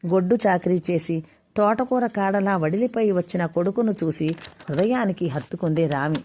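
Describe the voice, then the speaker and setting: A woman author narrating a story in an earnest, expressive reading. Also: fairly low pitch, normal speed, slight background noise.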